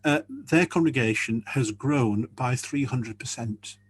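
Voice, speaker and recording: A man's voice: medium pitch, a little slow, slightly rough. A man speaking earnestly as a church leader in a panel discussion over a video call, often repeating words as he thinks.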